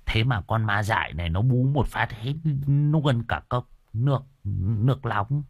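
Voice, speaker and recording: A man's voice: medium pitch, a little slow, slightly rough, no echo, clean studio sound. A man doing a stammering old ghost. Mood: grumbling. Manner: stammering, frightened. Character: cowardly old male ghost, jittery and mumbling.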